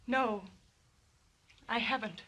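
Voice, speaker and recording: A woman's voice: on the high side, slow pace, pushed and bright, exaggerated voice. An actress playing an earnest, emotional young wife fighting for her husband in a 1930s film melodrama. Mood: guarded. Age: young adult.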